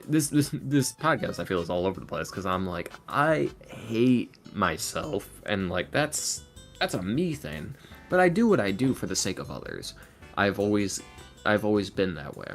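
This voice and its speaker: A podcast guest who makes ASMR roleplays and does voice acting chats casually in a fairly low, very animated voice at normal speed. He comes across as earnest and self-deprecating, rambling as he goes. Music plays under the interview.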